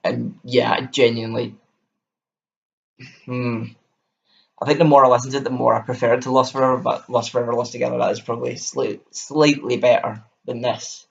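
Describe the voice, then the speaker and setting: Here a young man from Scotland reviews an album casually and enthusiastically to camera, rambling in his Scottish accent as a music vlogger. The voice is medium-pitched, gravelly and brisk with a flat delivery, and the audio is dull.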